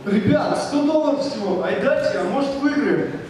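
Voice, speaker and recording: A young man playing an excitable bettor at rat races in a student stage comedy. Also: very high voice, normal speed. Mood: eager. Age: young adult. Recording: distant echoey hall, loud crowd.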